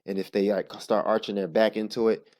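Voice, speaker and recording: A man narrating sparring footage in a casual, halting play-by-play, thinking aloud as he explains each move. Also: on the low side, little pitch movement, a little mellow. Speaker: jiu-jitsu practitioner narrating own sparring footage.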